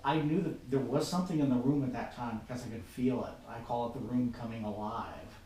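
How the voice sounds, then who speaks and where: Guy ghost hunter explaining stuff to his group, soft mellow voice, really echoey room, a bit of hiss. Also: mid-range voice, fairly quick. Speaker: paranormal investigator. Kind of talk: casual group discussion. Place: reverberant room indoors. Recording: echoey room, distant mic, faint hiss.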